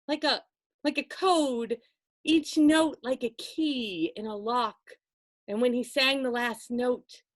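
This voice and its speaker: A slightly high-voiced woman performs a folktale out loud for an audience, expressive and informal, using dramatic pauses and asides. It's a dry recording.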